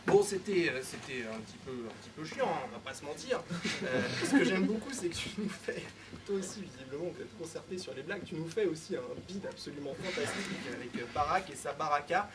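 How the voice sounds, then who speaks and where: A man's voice: on the high side, animated, quick pace, over a noisy crowd. Young man, sarcastic jury critique. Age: young adult. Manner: sarcastic, dry mocking. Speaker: jury member. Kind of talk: comic critique of a speech. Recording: far mic, loud audience.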